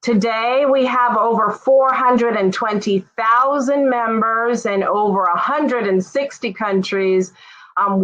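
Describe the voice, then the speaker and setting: A woman from Jamaica giving an informal, friendly presentation on a webinar, often pausing with "um". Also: fairly high pitch, poor audio. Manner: friendly, relaxed, lots of "um" fillers. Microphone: video call.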